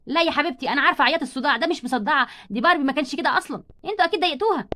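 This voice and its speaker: A bossy schoolteacher, voiced by a woman with an Egyptian accent, barking orders and scolding her class in a doll play story. The voice is pitched very high and delivered at a rapid clip. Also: animated, bright, forceful tone. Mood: stern. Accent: Egyptian Arabic. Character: strict loud female schoolteacher, sharp-tongued.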